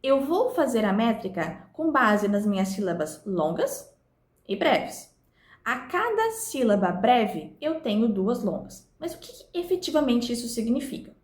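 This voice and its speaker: A woman's voice: a little high, sing-song, unhurried, echoey room. A woman teaching a recorded lesson to her viewers, explaining step by step and speaking to them directly. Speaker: literature teacher.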